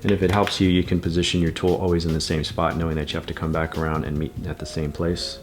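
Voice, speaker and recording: A man's voice: low-pitched, flat delivery, fast talker, over music. A man giving a patient, methodical bike repair tutorial, talking through each step as he works. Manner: patient, methodical, repeats steps.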